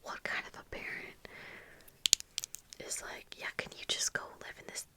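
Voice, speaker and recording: In a small room lined with bookshelves, an ASMR creator in her thirties does a get-ready-with-me video, whispering breathily into a furry-covered desk microphone right up close while wearing earphones. Her storytelling is casual, halting, and meandering.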